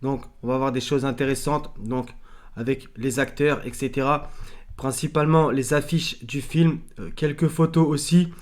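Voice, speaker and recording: A man, talking casually and unscripted, halting and restarting often and checking in with the listener. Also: mid-range voice, steady tone, a little mellow. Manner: many fillers and restarts, often asks "d'accord?". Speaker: video commentator. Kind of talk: casual analysis talk.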